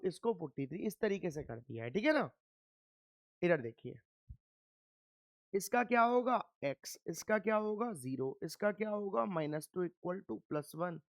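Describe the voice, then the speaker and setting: In a classroom chemistry lecture, a high-voiced man firmly drills his students, posing questions and supplying the answers himself. He delivers scolding reminders to pay attention, and the sound is clean, studio-like and echo-free.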